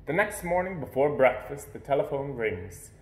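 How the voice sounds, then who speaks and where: A man reads a children's story aloud, narrating expressively at a moderate pace in a medium-pitched voice. The recording has the echo of a reverberant room.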